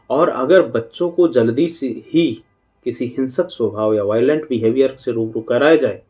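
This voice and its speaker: Calm, mellow-voiced man teaching. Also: mid-range voice. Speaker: spiritual teacher giving a talk. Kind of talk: devotional talk on parenting.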